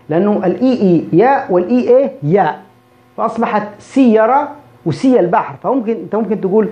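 A man teaching English pronunciation, who explains quickly and repeats example words slowly to show the sounds. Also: high-pitched, mellow. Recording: dull lo-fi recording.

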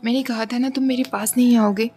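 A woman's voice: a little high, steady tone, a little fast, a little mellow, natural voice. Woman reading as a wary, guarded young guy, dry replies, faint music behind.

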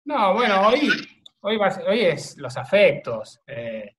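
An Argentine man, a video maker, answering interview questions in a relaxed, rambling way full of fillers. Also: sits high, takes it slowly. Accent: Argentine Spanish. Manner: rambling, thinks aloud with many fillers. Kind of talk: casual remote interview conversation.

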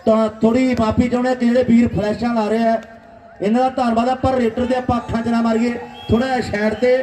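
High, mellow man announcing over echoey PA. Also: flat delivery, fast talker. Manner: polite, thanking and requesting. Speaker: tournament announcer and organiser. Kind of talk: live event announcements. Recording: echoey outdoor PA, distant mic.

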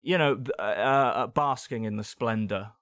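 A man co-hosting a podcast, chatting casually about a film, rambling and dropping his voice low on asides. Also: normal speed, fairly bright tone, no echo, studio quality. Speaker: podcast co-host.

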